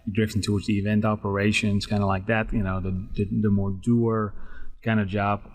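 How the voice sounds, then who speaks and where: A man's voice: on the low side, flat delivery, brisk. A man in his forties from the Netherlands with a Dutch accent, speaking as a guest in an interview with enthusiastic, chatty energy. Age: 40s. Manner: enthusiastic, chatty, tags statements with "right?". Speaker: guest, sports management professor. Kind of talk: podcast interview.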